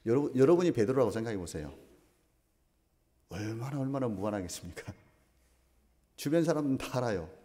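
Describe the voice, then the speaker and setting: A male pastor preaching a sermon, slow and emphatic, asking the congregation questions. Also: medium pitch, very animated, warm tone. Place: church sanctuary. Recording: long reverb of a church hall.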